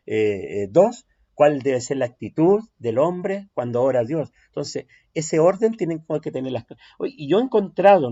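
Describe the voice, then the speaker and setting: A middle-aged man leads an online workshop in a mellow, warm voice. He speaks emphatically, with pauses that check his listeners follow. The sound is dull and lo-fi over a video-call mic. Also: medium pitch. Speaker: preaching workshop teacher. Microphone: computer mic on a video call.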